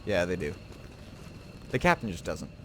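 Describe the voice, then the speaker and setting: A man's voice: sits low, sing-song, moderate pace, background noise. A man hosting a gaming video, giving casual commentary and musing to himself as he goes.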